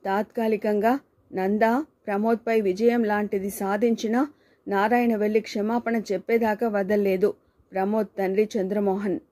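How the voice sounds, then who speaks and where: Woman with a dark, mellow reading voice. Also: mid-range voice, flat delivery, moderate pace. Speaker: storyteller. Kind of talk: scripted narration of a short story.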